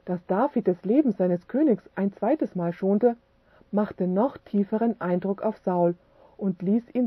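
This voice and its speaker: A woman reading a religious book aloud as scripted narration, steady and measured. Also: medium pitch, slightly rough, no echo. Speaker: audiobook narrator. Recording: tinny phone-like dry audio.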